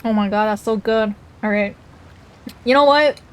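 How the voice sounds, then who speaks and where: A woman's voice: mid-range voice, normal speed, clear, resonant tone. A woman livestreamer chatting casually, reacting to chat messages and talking while she eats.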